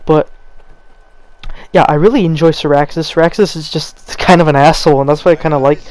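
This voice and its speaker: A man's voice: on the high side, steady tone, a little fast, darkish tone, dry recording. A young man giving a rambling, unscripted rant as a gaming channel host, stammering and restarting as he talks while feeling cold. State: cold, stuttering. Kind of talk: unscripted gameplay commentary rant.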